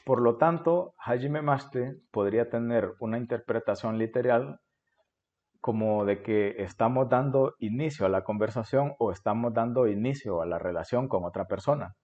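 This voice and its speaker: A man's voice: mid-range voice, moderate pace, darkish tone, muffled recording. A Honduran man in his forties with a Honduran Spanish accent, patiently explaining a beginner language lesson and often checking in with "ok?". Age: 40s. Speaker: Japanese teacher.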